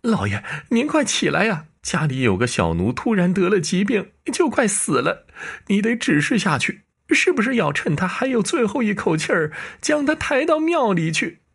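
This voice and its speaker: A man voicing a worried middle-aged lady of the house, speaking high and urgent. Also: sing-song, moderate pace, vocal fry, fairly bright tone, husky, exaggerated voice. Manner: high-pitched, urgent pleading.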